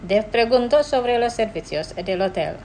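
A woman hosting a radio language lesson, pronouncing each phrase slowly and repeating it for listeners. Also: fairly high pitch, expressive, a little mellow, slight background noise. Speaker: radio language program host. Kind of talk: slow scripted language lesson.

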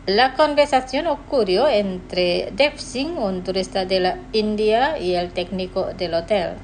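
A woman hosting a radio language lesson, pronouncing each phrase slowly and repeating it for listeners. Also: medium pitch, slight background noise. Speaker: radio language program host. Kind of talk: slow scripted language lesson.

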